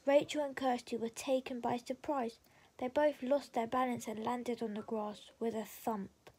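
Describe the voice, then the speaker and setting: A woman reading a children's bedtime story aloud in a soft, hushed voice. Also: on the high side, steady tone, normal speed, husky.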